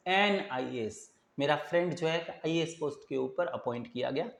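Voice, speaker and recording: A man's voice: fairly high pitch, moderate pace, gravelly, reverberant. A man teaching English grammar in Hindi, with a Hindi accent, who asks the viewer questions and repeats them. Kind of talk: classroom grammar lesson.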